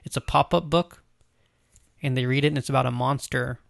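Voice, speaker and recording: Man, relaxed podcast co-host. Rambling, filler-heavy delivery, dry close sound. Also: medium pitch, fairly quick, gravelly, no echo. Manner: loose, rambling, lots of "like" and "um". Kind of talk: casual movie news chat.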